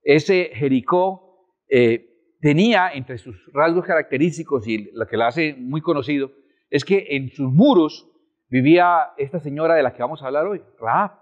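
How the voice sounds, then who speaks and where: A man delivering a sermon as a pastor, with a somewhat high voice. He keeps asking his listeners rhetorical questions and shifts his emphasis often. The sound is a bit dull and lo-fi. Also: moderate pace. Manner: rhetorical questions to the audience, lively swings in emphasis.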